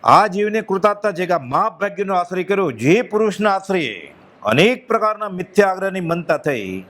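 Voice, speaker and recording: A man's voice: high voice, sing-song, brisk, fairly bright tone. A man giving a devotional discourse with a Gujarati accent, earnest and emphatic, dropping his voice when quoting others. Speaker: spiritual speaker.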